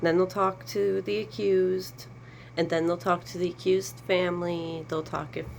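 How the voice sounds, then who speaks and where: A woman's voice: low-pitched, a little hiss or hum, low-quality recording. A woman advocate speaking earnestly to camera, explaining a process with emphasis and sarcasm. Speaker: survivor advocate.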